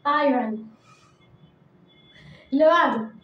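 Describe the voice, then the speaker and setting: A woman with an Egyptian Arabic accent teaching English vocabulary to children, repeating each word slowly and coaxing pupils to say it after her. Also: high-pitched, echoey room, highs cut off.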